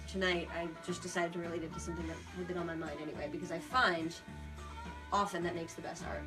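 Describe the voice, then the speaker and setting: With guitar music running in the background, a young woman who works in puppetry and theater talks about her art as an interview guest. She sounds earnest, reflective and relaxed, her low-leaning voice fairly even in intonation and quick in pace.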